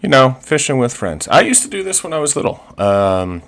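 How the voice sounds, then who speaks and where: Speaking briskly in a bright, sing-song voice of medium pitch, a man chats cheerfully over his life-sim gameplay for a gaming video. Fillers and restarts pepper his talk, along with playful pirate-speak.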